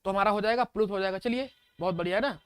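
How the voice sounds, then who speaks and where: A woman's voice: medium pitch, rapid-fire, clear, resonant tone, dry recording. A woman teaching a live online grammar lesson. She repeats key terms and keeps asking the viewers questions, and she also reads out and answers their questions.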